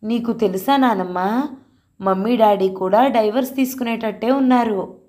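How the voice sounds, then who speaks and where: A young schoolboy in an audio story, earnest and close to tears as he pours his worries out to his grandmother, played by a woman reader. The voice sits higher than her own narration, childlike and a little breathless with feeling, yet keeps her mellow, dark tone underneath. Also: moderate pace, lightly acted. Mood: tearful. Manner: childlike, mixing English words into speech.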